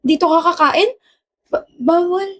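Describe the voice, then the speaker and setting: A woman's voice: very high-pitched, measured pace, fairly bright tone. An actress playing an aloof, stubborn young woman in a romance skit, curt and reserved. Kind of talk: melodramatic skit acting.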